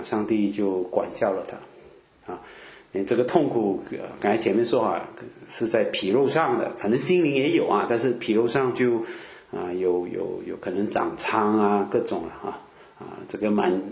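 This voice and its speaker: A man preaching in a relaxed, conversational way, filling his talk with drawn-out "ah" sounds and rhetorical questions. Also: lowish voice, reverberant. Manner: chatty, peppers speech with drawn-out "ah" fillers and rhetorical questions. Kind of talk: conversational Bible teaching.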